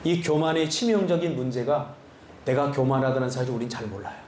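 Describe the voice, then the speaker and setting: A male pastor giving an animated sermon full of rhetorical questions to his congregation. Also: medium pitch, a little fast, reverberant, slight background noise. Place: church sanctuary.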